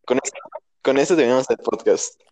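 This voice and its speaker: A man's voice: medium pitch, a little fast, a little mellow. A young man with a Mexican Spanish accent hosting a casual podcast, joking and rambling with crude slang. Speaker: podcast host.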